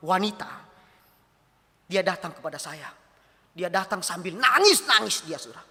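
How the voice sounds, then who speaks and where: Male preacher, very high and sharp voice, animated sermon, long reverb of a church hall. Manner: animated, asks the congregation questions, acts out quoted voices. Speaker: preacher at a youth service.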